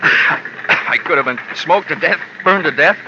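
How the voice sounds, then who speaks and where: Unhurried and slightly high-voiced, a man takes the lead as the narrating insurance investigator of an old radio drama, his manner dry, hard-boiled and full of wisecracks. Heavy background noise and music come through a dull, lo-fi old broadcast recording.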